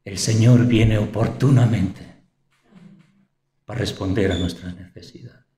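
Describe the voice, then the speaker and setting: A man's voice: on the low side, fairly even intonation, a little slow, dark tone. A man with a Spanish accent from Spain preaching a sermon, passionate and rising to exclamations of praise. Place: church hall. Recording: echoey church room.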